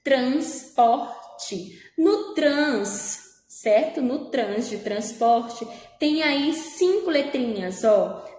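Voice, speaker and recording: A woman's voice: sits high, animated, very slow, darkish tone. A woman with a Brazilian Portuguese accent, a primary school teacher patiently explaining a worksheet to young children, checking often that they follow. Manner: patient, repeats and checks with "certo?", uses diminutives. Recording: echoey room with long reverb.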